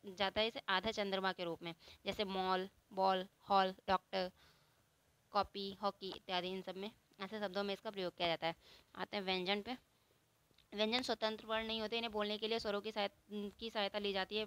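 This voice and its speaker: A woman's voice: medium pitch, fairly bright tone, slight background noise. A woman teaching a grammar lesson, explaining step by step, asking and answering her own questions and drawing out the example sounds. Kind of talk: spoken Hindi grammar lesson.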